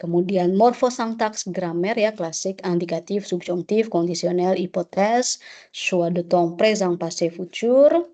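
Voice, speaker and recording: Mellow-voiced woman lecturing a webinar. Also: fairly low pitch, a little slow. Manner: checks in with a frequent "oke?"; mixes in French terms. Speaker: French exam instructor.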